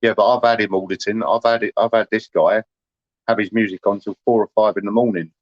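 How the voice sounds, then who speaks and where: A man's voice: on the low side, fairly even intonation, quick pace, no echo, muffled recording. A man, chatting casually to livestream viewers in a rambling, aggrieved way, full of "you know".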